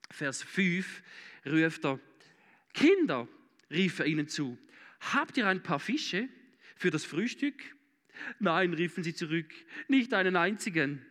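A man in his thirties with a Swiss German accent, preaching a sermon and telling the story with lively acted-out voices. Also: fairly high pitch, long reverb tail. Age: 30s. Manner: animated storytelling, acting out voices.

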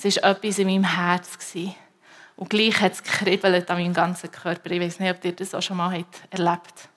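A woman with a Swiss German accent, a preacher giving a personal faith testimony to a congregation in an emotional, halting way that repeats herself. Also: on the low side, level tone, fairly bright tone.

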